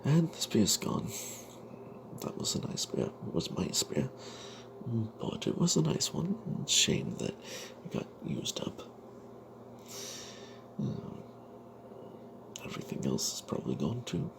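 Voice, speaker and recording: Whispering breathily for ASMR, a man narrates a fantasy tale as a wry, mistrustful adventuring cleric, speaking in hushed, stop-start fashion. His low-leaning voice swoops wildly in pitch over background noise.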